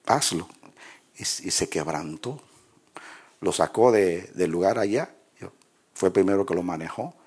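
A man in his sixties or older, a pastor, preaching a sermon in a soft, low-key storytelling voice in a church. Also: measured pace, pauses often, slightly rough.

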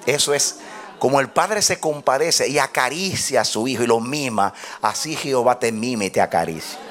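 A man preaching a sermon to a congregation, swinging from loud shouts down to hushed whispers. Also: medium pitch, animated, normal speed. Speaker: pastor. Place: church.

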